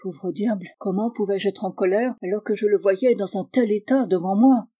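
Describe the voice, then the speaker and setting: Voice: mid-range voice, moderate pace, mellow. Voix de lecture sombre et voilée. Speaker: audiobook reader. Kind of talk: scripted narration.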